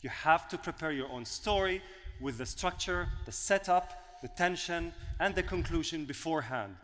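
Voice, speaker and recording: A man hosting a live networking event, chatty and relaxed, recapping the last talk and introducing the next speaker. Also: on the high side, normal speed. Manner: relaxed, chatty, building to announcer hype. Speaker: event host and moderator. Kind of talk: casual stage hosting. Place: event hall on stage. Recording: long hall reverb.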